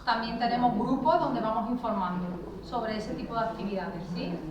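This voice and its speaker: A woman with a high voice moderates a public event, introducing speakers briskly and checking in with her audience. She is far from the mic in a very echoey hall. Clear background noise runs underneath. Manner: brisk, with frequent tag questions. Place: large hall.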